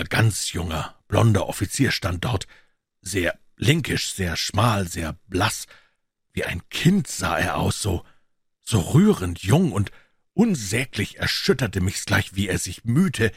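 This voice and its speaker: Deep husky male audiobook narrator. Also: fairly bright tone, dry recording, studio quality. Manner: slow, earnest, emotionally charged delivery. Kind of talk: dramatic audiobook reading.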